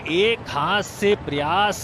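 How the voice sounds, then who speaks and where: A man's voice: high voice, slow. A man commentating live on a cricket match, calling shots and analysing play. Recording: clear background noise, outdoor ambience.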